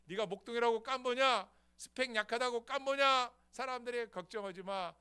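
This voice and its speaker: A man voicing God as a commanding, protective presence who rebukes and reassures in a raised, booming voice. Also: moderate pace, sharp tone, clear, resonant tone. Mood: reassuring. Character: God speaking to his people, commanding and protective.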